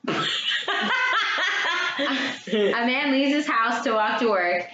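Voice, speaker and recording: Woman swapping creepy jokes on a podcast, lively up-and-down voice, roomy dull lo-fi sound with noise behind. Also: fairly high pitch, slow pace. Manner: laughs often while telling spooky jokes, swears freely. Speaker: podcast co-host. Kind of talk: casual storytelling chat.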